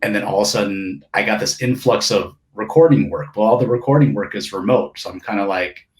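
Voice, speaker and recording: Speaking a little fast in a lowish voice, a Californian man in his forties whose first language was Japanese guests on an interview show as a percussionist. He reminisces casually, rambling and often restarting his sentences.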